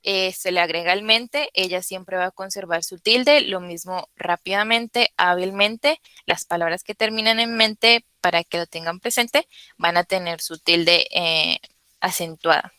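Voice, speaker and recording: A young woman giving a class presentation over a video call, often pausing on "eh" fillers. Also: lowish voice, bright, forceful tone, clean tone, no room sound. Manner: hesitant, many "eh" fillers. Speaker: student presenter.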